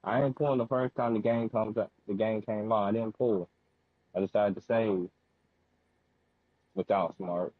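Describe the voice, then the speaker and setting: A man's voice: fairly low pitch, steady tone, moderate pace, pauses often, no room sound. A man chatting casually with a friend during a game stream, with laid-back, slangy banter. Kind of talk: casual chat. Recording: dry, phone-like line.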